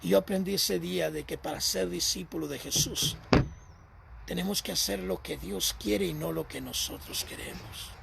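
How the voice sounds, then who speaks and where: A man's voice: sits high, moderate pace, creaky, very noisy. A man preaching a sermon as a lay missionary, telling a personal testimony and repeating phrases for emphasis.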